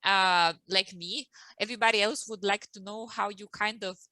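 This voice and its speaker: Bright-voiced woman host, dry close sound. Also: mid-range voice, steady tone, normal speed, dry recording, poor audio. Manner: warm-up introductions with frequent ums and restarts. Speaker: host and emotional well-being coach. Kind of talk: casual interview chat.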